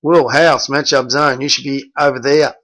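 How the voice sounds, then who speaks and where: A man's voice: medium pitch, fairly even intonation, normal speed, a bit bright, low-quality recording. A middle-aged man, a basketball coach reviewing game film and bluntly correcting his players by name.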